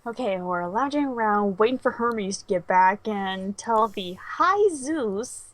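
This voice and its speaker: A woman's voice: mid-range voice, expressive, unhurried, dry recording. A young woman joining a friend in telling an improvised story, chiming in and laughing along.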